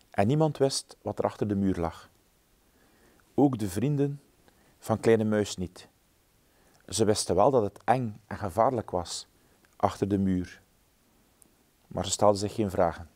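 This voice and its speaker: Brief: man, warm low voice, gentle measured children's story reading. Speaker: storybook reader. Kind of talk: children's story read-aloud.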